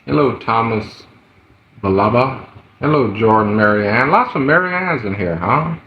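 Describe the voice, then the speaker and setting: Greeting his viewers from an indoor room at home, a Southern-accented livestream host rambles in a folksy, casual way. His medium-pitched voice is expressive and a little slow, and the stream audio sounds muffled, roomy, and a bit noisy.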